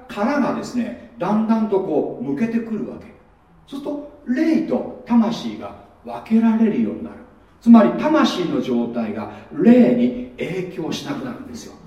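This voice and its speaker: A man's voice: sits high, mellow, lo-fi sound. A man preaching a sermon as pastor in a conversational way, often asking the listeners rhetorical questions. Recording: very echoey room, voice from far off.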